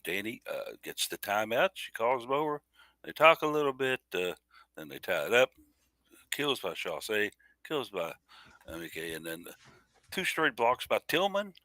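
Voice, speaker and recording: A man with a deep but very bright, forceful voice recaps a match with a lively, rising and falling delivery. He talks in a casual podcast style. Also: moderate pace, dry recording. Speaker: podcast co-host. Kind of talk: casual sports chat.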